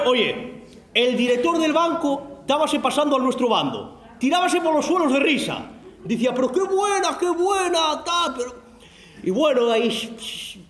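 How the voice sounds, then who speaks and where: High-voiced Asturian storyteller in an echoey room. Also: male voice. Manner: earthy and animated. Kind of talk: comic folk storytelling.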